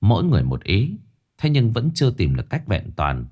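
A man's voice: on the low side, huge pitch swings, fairly quick, darkish tone, slightly rough. A man narrating a ghost story in a dramatic reading.

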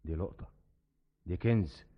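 A man's voice: deep voice, moderate pace, slightly rough. An Egyptian actor playing a grey-haired older man who acts fatherly and kind while scheming to exploit a young girl. He speaks in an Egyptian Arabic accent. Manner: coaxing and fatherly to the girl, menacing to his wife. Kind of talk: classic radio drama acting. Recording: dull old radio recording with music.

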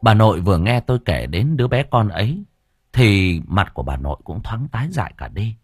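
A man narrates a ghost story with lively, dramatic intonation. His voice is husky and the recording is dry. Faint music plays underneath. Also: on the low side, fairly quick, no room sound. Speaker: audiobook narrator.

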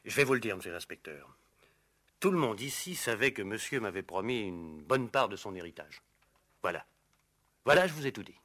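An actor in an old French radio show playing a resentful, gossipy household servant who is hesitant, evasive and insinuating under questioning. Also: male voice, lowish voice, very animated, moderate pace, pauses often, fairly bright tone. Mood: insistent, aggrieved.

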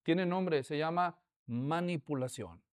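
Animated preacher. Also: male voice, on the high side, slow pace. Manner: animated storytelling, rhetorical questions to the audience. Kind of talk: sermon.

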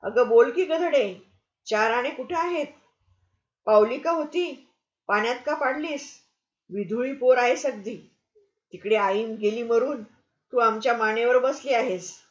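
A woman's voice: expressive, a little slow, highs cut off. A woman voicing a harsh, scolding innkeeper's wife who nags and insults. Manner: shrill, nagging, insulting.

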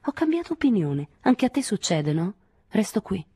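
A woman reading an audiobook, voicing an angry, sharp-tongued young woman who lashes out with biting remarks. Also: very animated, normal speed, slightly rough, no echo, clean studio sound. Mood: cold. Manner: aggressive, shrill outbursts.

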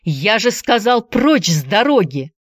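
A woman voicing a desperate young man who shouts urgent commands in a storybook reading. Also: on the high side, animated, slow, no echo, studio quality, pitched above the performer's own voice. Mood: urgent shouting.

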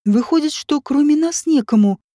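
A woman's voice: high voice, animated, normal speed, warm tone, dry recording. A woman voicing a wry, reserved woman who runs a guesthouse, in an audiobook, with a dry, mildly mocking manner.

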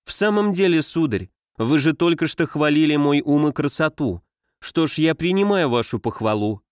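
A man's voice: fairly high pitch, animated, moderate pace, smooth, no echo, clean studio sound, natural voice. A male reader voicing a frightened young married lady in a read-aloud novel, pleading and agitated. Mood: cool reproachful.

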